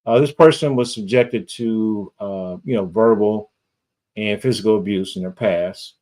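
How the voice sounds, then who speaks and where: A man's voice: lowish voice, a little slow, darkish tone. A man hosting a podcast, asking casual, rambling questions with lots of fillers. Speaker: podcast host. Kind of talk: podcast interview.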